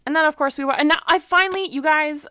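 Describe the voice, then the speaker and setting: A young woman co-hosting a podcast in casual chat, talkative and quick to laugh, with lots of fillers. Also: sits high, pushed and bright, no echo. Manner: chatty, laughs often, uses "like" a lot. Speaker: podcast co-host.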